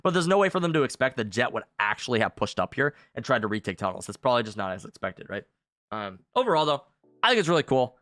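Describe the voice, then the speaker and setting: A man with a hoarse, tired voice, casually breaking down a game round as a coach and channel host, with loose fillers. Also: medium pitch, no room sound, clean studio sound, faint music behind. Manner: fast, animated, loose with fillers. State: hoarse, losing his voice.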